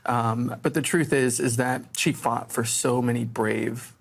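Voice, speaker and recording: A man's voice: medium pitch, fairly even intonation, a little slow, creaky, slightly rough. A man being interviewed on the news about his late sister, speaking hesitantly with many restarts. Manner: hesitant, repeating words. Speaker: interview guest, brother of a victim.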